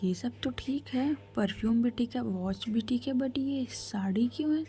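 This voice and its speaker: A woman's voice: fairly high pitch, a little slow, dark tone, husky. A woman whispering the lines of a stubborn, teasing young woman, in a whispered role-play. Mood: protesting. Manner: protesting, playful.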